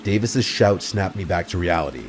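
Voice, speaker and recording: A man with a low voice reads a horror story in a measured, brooding way. Faint ambient sound sits behind him. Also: lively intonation, a little hiss or hum. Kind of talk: scripted horror narration.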